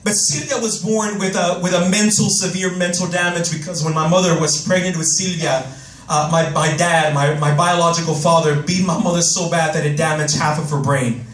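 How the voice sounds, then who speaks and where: High-voiced man telling a heated life story. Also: normal speed. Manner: emotional, animated, repeats words when stirred. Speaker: motivational speaker. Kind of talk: personal storytelling speech to youth. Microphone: handheld microphone. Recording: roomy, distant microphone sound.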